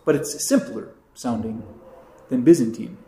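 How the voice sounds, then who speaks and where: In a roomy, echoing space with a faint hiss or hum, a priest with a warm, mid-range voice teaches a catechism class at an unhurried pace. He rambles casually with lots of fillers and restarts, now and then singing a short chant line as an example.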